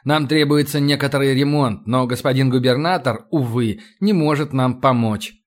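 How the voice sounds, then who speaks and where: A man's voice: mid-range voice, normal speed, close to an everyday voice. A man voicing a stern male navy captain who speaks coldly and curtly in an audiobook. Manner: cold, curt.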